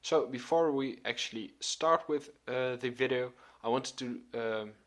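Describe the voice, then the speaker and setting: Slow-talking young man reviewing a watch. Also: medium pitch. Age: 20s. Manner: relaxed, hesitant with many fillers. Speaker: watch reviewer, channel host. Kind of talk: casual video review.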